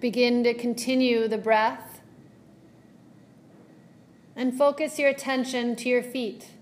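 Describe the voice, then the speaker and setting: The speaker is a woman leading a guided meditation as a yoga instructor. She talks softly and soothingly in measured phrases with long silences, her pitch a little high and her tone level.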